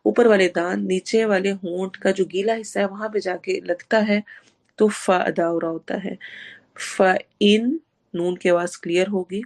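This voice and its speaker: A mid-range, steady, slightly mellow voice, somewhat hoarse and sore, belongs to a woman teaching Quran recitation online. Step by step she goes through the sounds, asking students questions and weaving in English.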